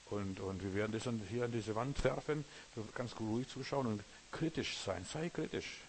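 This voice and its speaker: A man's voice: fairly low pitch, moderate pace, slight background noise. A man preaching a sermon. He speaks straight to the listener and builds his points from repeated, parallel phrases.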